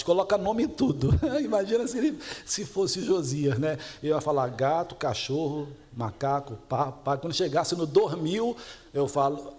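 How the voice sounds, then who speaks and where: A middle-aged pastor with a Brazilian Portuguese accent preaches a sermon full of storytelling, chatty and laughing at his own stories. His voice is a little high with a darkish tone.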